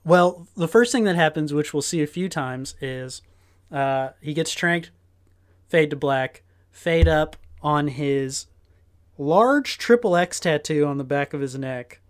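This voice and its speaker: A man's voice: on the high side, measured pace, smooth. A man co-hosting a podcast, casually retelling a movie scene by scene with lots of fillers. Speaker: podcast co-host. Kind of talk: casual movie-recap chat.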